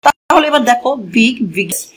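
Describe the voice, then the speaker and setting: A woman's voice: fairly high pitch, expressive, slight background noise, poor audio. A woman with a Bangladeshi accent teaching a classroom grammar lesson, explaining step by step and answering her own questions, mixing English terms into her talk. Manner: slow and deliberate, asks questions and answers them herself. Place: classroom at a board.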